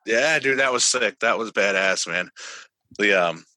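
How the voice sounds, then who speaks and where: A man talking in an excited frat-bro way, casually chatting about wrestling with lots of slang and swearing. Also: fairly low pitch, measured pace, dry recording. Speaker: wrestling podcast co-host. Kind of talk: casual, profane wrestling chat.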